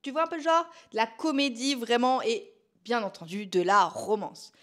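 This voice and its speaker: High-voiced chatty young woman vlogger. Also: normal speed. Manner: chatty, speaks directly to the viewer. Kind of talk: casual chat to camera.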